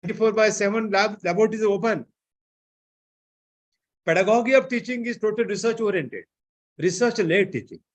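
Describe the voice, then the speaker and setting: A man giving an online seminar lecture, often filling pauses with "I think, you know". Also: sits high. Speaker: seminar speaker.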